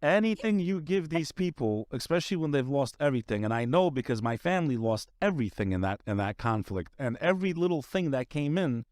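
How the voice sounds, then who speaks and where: A man speaking as an interview guest, earnest and halting, filling pauses with "you know". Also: medium pitch, expressive, a little mellow, no room sound, studio quality. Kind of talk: conversational interview talk.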